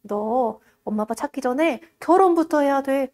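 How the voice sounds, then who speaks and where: A woman's voice: high-pitched, lively intonation, normal speed, a little mellow. A woman doing a curt old sage. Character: old male Taoist sage, testing and teasing.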